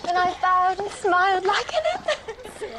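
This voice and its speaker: A giddy teenage bride showing off in a period film. Her voice is very high and chattering, full of boasting. Loud soundtrack noise sits behind her. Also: normal speed. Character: giddy boastful newly married teenage girl.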